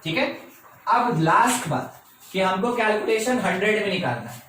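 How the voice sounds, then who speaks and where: A man's voice: sits high, sing-song, a bit bright. A man lecturing on chemistry in Hindi, reading definitions out word by word and repeating them with Indian English terms. His voice sounds roomy and far from the mic. Faint noise runs behind him. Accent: Indian English words in Hindi speech. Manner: slow dictation, repeating phrases word by word; frequent check-ins to students. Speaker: chemistry teacher. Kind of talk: online class lecture.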